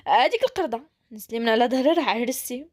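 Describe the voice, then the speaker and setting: A woman with a Moroccan accent voicing a gruff, protective older brother who talks stern and blunt. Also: fairly high pitch, animated, very fast, darkish tone, lightly acted.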